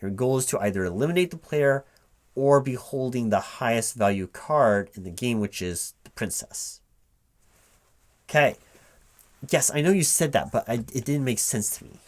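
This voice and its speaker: A man with a medium-pitched, expressive voice takes the role of a recruiting manager interviewing a gamer in a one-sided ASMR roleplay. He speaks rather than whispers, chatting casually and haltingly to an unheard partner while seeming to think aloud.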